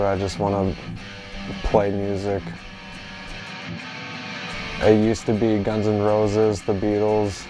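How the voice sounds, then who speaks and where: A young man from Manitoba talks about making beats in a casual interview. His voice sits low and barely moves in pitch, and he speaks slowly, filling gaps with "like" and "um". Music plays clearly underneath. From Manitoba, Canada. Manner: slow, flat delivery with many fillers. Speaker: musician and beatmaker.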